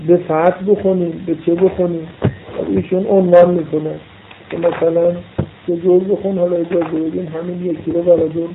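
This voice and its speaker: Male seminary-style lecturer, high voice, patient letter-by-letter explanations, phone-thin sound. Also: flat delivery, noisy background. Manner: explains pronunciation letter by letter, repeating for emphasis. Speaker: religious studies teacher. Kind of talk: lecture reading and explaining a classical Arabic text. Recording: tinny phone-like audio.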